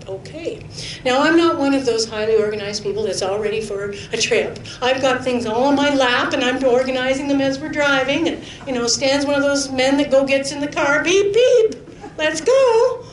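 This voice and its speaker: A middle-aged woman preaching to her congregation, with a fairly high voice. She talks in an earnest, chatty way, laughing often and sinking to a hush for emphasis. The sound carries the echo of a roomy church hall, with a faint rumble underneath. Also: normal speed. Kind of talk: sermon with personal testimony.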